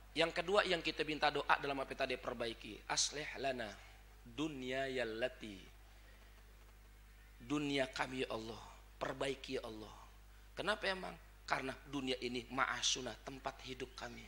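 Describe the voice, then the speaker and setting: A man with a Betawi Jakarta accent preaching a dawn sermon, joking and swinging from quiet asides to shouted points. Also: high voice, vocal fry.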